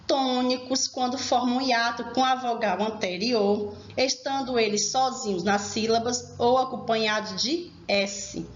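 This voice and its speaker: A woman teacher giving a recorded grammar lesson, explaining slowly and emphatically and speaking directly to her students. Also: fairly high pitch. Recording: echoey room, dull lo-fi sound.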